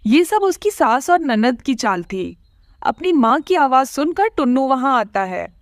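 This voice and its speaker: Cartoon narrator, woman, lively high voice, dry close sound. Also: unhurried, no echo. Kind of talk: scripted storybook narration.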